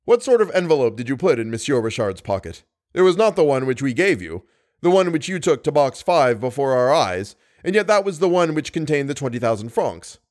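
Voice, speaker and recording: A man voicing a composed theatre manager who questions with quiet authority. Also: medium pitch, big pitch swings, a little fast, natural voice. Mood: probing. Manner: authoritative, gently probing.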